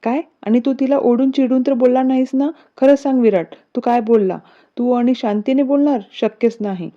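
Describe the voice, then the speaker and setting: A woman voicing a middle-aged mother who scolds her son with rapid questions, on a dull lo-fi recording. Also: on the high side, pitched above the performer's own voice, lightly acted. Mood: scolding.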